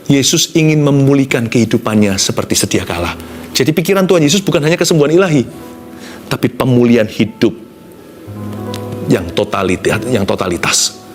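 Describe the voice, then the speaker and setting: A man preaching an animated sermon. He mixes in English phrases and swings between high excited exclamations and low soft asides. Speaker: pastor.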